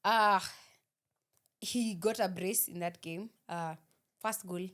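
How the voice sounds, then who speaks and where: A woman's voice: mid-range voice, slow, a bit bright. A woman with a Kenyan accent co-hosting a football podcast in casual sports chat, switching between English and Swahili.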